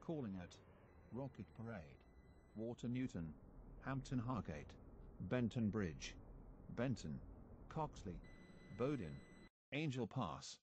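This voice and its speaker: A man's voice: medium pitch, slow, long pauses, background noise. A man's voice in an automated train announcement built from separately recorded words and names, clipped and joined together. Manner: flat clipped phrases, each name dropped in separately. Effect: automated station announcement spliced together from prerecorded words. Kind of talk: recorded public transport announcement.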